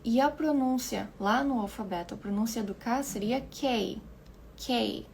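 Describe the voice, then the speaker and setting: A woman English teacher giving an online lesson, explaining patiently, repeating words slowly for pronunciation and often checking in with her listeners. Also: fairly high pitch, gravelly, a little mellow, a little hiss or hum.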